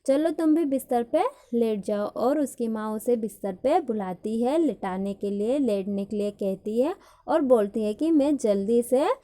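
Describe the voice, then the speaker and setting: Slow, high-voiced woman teacher. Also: mellow. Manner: reads a line, then retells it in simple words with questions. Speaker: school teacher. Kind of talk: reading and explaining a Hindi story lesson.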